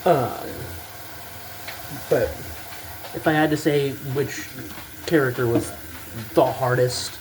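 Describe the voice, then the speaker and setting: Male gaming commentator, average pitch, unscripted and meandering, hesitant, casually sweary; noticeable hissing, water-like background noise. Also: takes it slowly, long pauses. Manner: casual, rambling, hesitant thinking aloud. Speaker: gaming video maker. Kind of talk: rambling unscripted game commentary.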